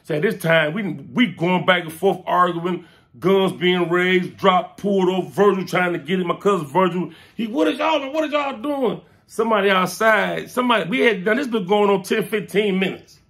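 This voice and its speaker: A man's voice: high-pitched, normal speed. A man telling a story from his past in casual talk, acting out what people said and dropping "man" into his sentences. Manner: animated, acts out quoted lines, fills with "man". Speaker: interviewee recounting his past.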